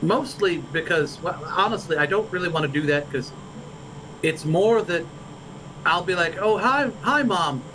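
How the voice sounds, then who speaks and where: A man's voice: a little high, normal speed, noisy background. A man hosting a livestream, chatting in character in fantasy improv, stammering and rambling with many restarts. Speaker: livestream role-play host.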